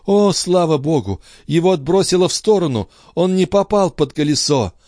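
In audiobook dialogue, a man lightly acts the part of a frantic, entranced mother seeing visions, crying out shrill and breathless about what she sees. His voice is animated and a little mellow at normal speed, recorded with clean studio sound and no room sound.

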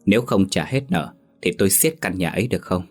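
Guy doing a smooth scheming rich lender in an audio ghost story, deep voice. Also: animated, fast, soft background music. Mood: sly. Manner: friendly but crafty tone. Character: wealthy young male gambling lender, smooth and scheming.

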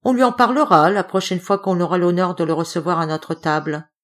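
A woman's voice: on the low side, fairly quick, natural voice. A woman voicing a scornful male forest bandit who speaks in rustic dialect. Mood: sneering.

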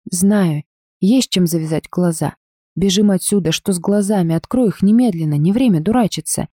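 A woman voicing a loyal young woman who shouts at a mob in tears, with shrill indignant outbursts. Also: normal speed, no echo, clean studio sound, close to an everyday voice. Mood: frantic. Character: brave loyal young woman, fierce and tearful.

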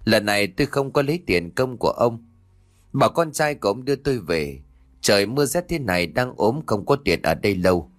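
Brief: man reading as a scheming old sorcerer in a storybook horror tale, slow and measured, low voice. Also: lively intonation, no echo, clean studio sound, natural voice. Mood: calm. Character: scheming elderly male sorcerer, quietly menacing.

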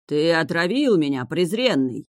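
A narrator voicing a furious, grieving male sea king who growls, sobs and speaks slowly in a storybook reading. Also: on the high side, sing-song, no echo, clean studio sound. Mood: enraged. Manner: slow, growling and sobbing.

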